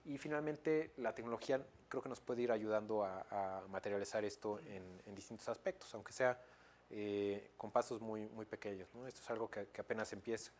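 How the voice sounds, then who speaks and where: A man's voice: lowish voice, fairly even intonation, brisk, a little mellow, a little hiss or hum. A man in his thirties with a Mexican accent giving an academic lecture, hesitant, with many fillers, restarts and tag questions. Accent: Mexican Spanish.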